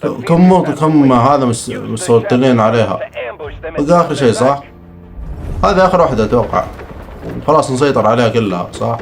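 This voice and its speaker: A young man giving excitable, teasing live commentary while playing a shooter game. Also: medium pitch, brisk, gravelly, faint music behind. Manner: excitable, teasing, mutters complaints. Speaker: gaming streamer. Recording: game audio with gunfire behind.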